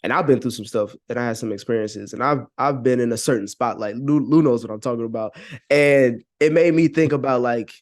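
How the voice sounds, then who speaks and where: A man appears as a podcast guest sharing his opinions in casual conversation, earnest and full of slang. His mid-range voice moves fairly quickly, and he often says "you know what I'm saying."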